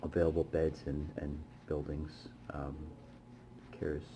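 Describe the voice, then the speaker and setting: Male vlogger, low voice, loose chatty storytelling full of fillers, slight background noise. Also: measured pace. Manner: rambling, many fillers, animated when retelling. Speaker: vlogger, busking musician. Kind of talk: casual storytelling to camera.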